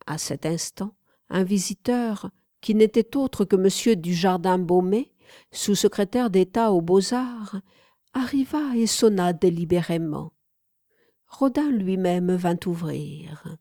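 Audiobook reader, woman, unhurried and measured, warm low voice, dry close recording. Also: no echo. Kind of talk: scripted narration.

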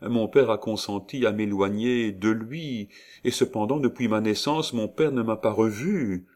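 A man's voice: fairly low pitch, a little slow, a little mellow, natural voice. A man voicing a timid, emotional young woman who pleads through tears, in a storybook reading. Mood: reproachful. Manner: pleading, tearful.

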